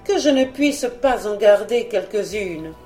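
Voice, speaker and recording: A woman's voice: medium pitch, animated, measured pace, warm tone, echoey room, faint music behind, natural voice. A woman voicing an elegant, scheming female villain in a storybook reading, speaking in a dry, implacable, ironic way. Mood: icy.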